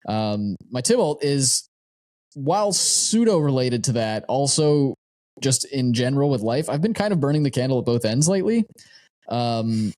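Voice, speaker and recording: An easygoing man co-hosts a podcast at a mid-range pitch. He speaks earnestly and plainly, pausing on small fillers as he reads through show announcements. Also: a little mellow. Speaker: podcast co-host. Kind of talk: casual podcast chat and outro.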